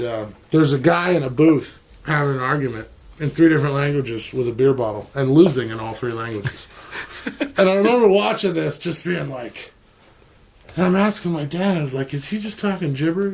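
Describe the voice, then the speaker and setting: A man's voice: mid-range voice, gravelly, darkish tone, rough recording. A man chatting as a podcast guest from Denver, telling rambling, jokey stories and slipping into silly voices. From Denver, Colorado. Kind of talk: casual storytelling chat.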